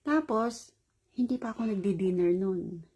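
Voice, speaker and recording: A woman's voice: medium pitch, moderate pace, breathy edge. A middle-aged woman caregiver, tired after a long shift, telling a rambling story in a casual vlog. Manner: rambling, animated retelling with laughs.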